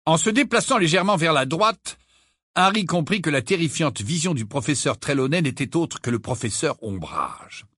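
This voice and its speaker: A man narrating an audiobook with expressive storytelling. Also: a little high, normal speed, dry recording, clean studio sound. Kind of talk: scripted narration.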